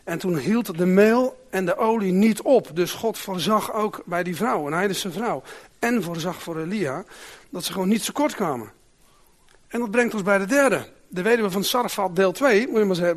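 High-voiced man preaching a sermon. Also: normal speed. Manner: animated, raises voice when reading dramatic quotes. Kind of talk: sermon with prayer and Bible reading. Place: church.

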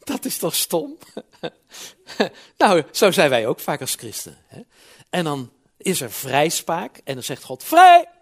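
Male preacher, husky voice, swings widely in pitch; chatty church sermon with many quick asides and loud emphatic peaks. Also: very animated. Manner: conversational, frequent "hè?" asides, rising to emphatic peaks.

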